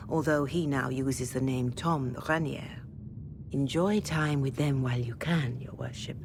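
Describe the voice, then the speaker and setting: Solemn, low-voiced reverend mother Giselle. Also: slight background noise. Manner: formal, measured, deferential. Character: solemn, courteous reverend mother of a fantasy chantry. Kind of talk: video game voice acting.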